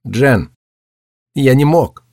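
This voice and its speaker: A man's voice: medium pitch, unhurried, a little mellow, no echo, clean studio sound, voice pushed up, natural voice. A man voicing a tearful, nasal young boy. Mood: pleading. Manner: pleading, slightly nasal.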